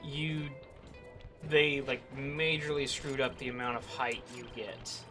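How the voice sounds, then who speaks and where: A man's voice: mid-range voice, fairly even intonation, measured pace. A man casually commenting on his game playthrough, rambling with lots of fillers. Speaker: game streamer. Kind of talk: casual let's-play commentary. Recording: game music playing behind.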